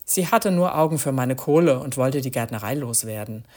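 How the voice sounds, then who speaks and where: A woman voicing a guilty, meek man who talks sheepishly in a thin, hushed voice, read as a storybook character. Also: very deep voice, animated, normal speed. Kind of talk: storybook reading.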